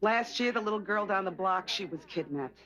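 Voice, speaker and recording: An actress playing a gossipy, tactless neighbor in a sitcom, offering unhelpful comfort. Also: female voice, mid-range voice, expressive, a little fast, natural voice. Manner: gossipy, falsely soothing, tactless. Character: meddling, tactless chatty neighbor lady. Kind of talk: sitcom acting. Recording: dull lo-fi TV audio with loud hiss.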